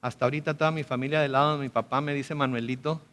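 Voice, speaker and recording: A male pastor preaching a conversational sermon with animated asides and frequent restarts. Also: medium pitch, very fast. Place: school auditorium.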